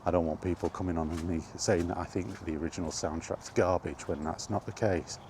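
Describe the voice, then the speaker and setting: Talking briskly in a low, steady voice, a middle-aged gaming vlogger rambles casually and reminisces about retro games. Background noise is present throughout his personal vlog.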